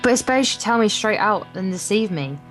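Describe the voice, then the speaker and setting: Reading narration as a guest co-player in a relaxed let's play of a visual novel, a woman speaks in a medium-pitched, expressive voice at a slightly quick pace. She sometimes stumbles on words, and guitar music from the game plays behind her.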